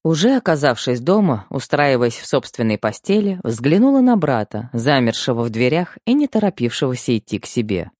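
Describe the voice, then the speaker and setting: A man reading a first-person story aloud as an audiobook narrator, with expressive storytelling. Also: mid-range voice, a little fast, hardly any pauses, no room sound, studio quality. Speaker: audiobook reader.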